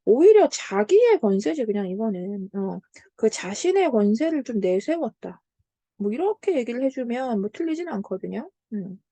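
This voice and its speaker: A woman's voice: fairly high pitch, normal speed, no echo. A woman tutoring Korean literature, walking through exam answers in a chatty way and checking in with her students as she goes. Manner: chatty, checks in with "right?" and "got it?"; retells story lines in a lively voice.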